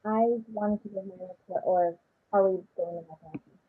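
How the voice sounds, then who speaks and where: A woman's voice: mid-range voice, fairly even intonation, brisk, slightly rough. A young woman on a video call whose voice comes through muffled, as if from behind a wall, as a student officer in a meeting. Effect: muffled, as if heard through a wall. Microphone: video call mic.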